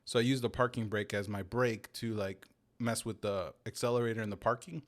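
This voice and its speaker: A young man hosting a casual podcast chat, telling animated stories with lots of excitement. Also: on the low side, brisk. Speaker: podcast host.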